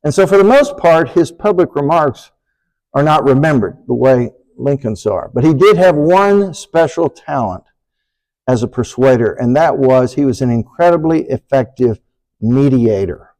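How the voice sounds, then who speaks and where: A man lecturing to an audience in a room, deliberate and emphatic, slowing down to stress key phrases. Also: mid-range voice, lively intonation, darkish tone, rough recording. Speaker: speaker giving a talk.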